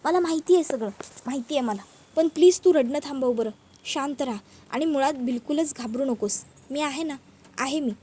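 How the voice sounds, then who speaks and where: A woman's voice: high voice, lively intonation, fairly quick, dark tone, a little hiss or hum. A woman voicing a protective young woman who soothes and reassures a frightened sister figure. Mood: soothing. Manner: soothing, reassuring, repeats comfort.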